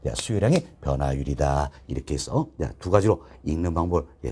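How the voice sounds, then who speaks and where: A middle-aged man with an extremely low, warm voice and a breathy edge teaches a recorded online lecture as a real estate exam instructor. He quizzes students with questions, then answers them himself in a call-and-response style, repeatedly drilling key phrases.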